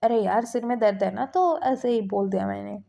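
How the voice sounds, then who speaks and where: A woman's voice: medium pitch, fairly quick, creaky, warm tone. Woman reading as a curt young man in bed. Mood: dismissive. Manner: curt, dismissive.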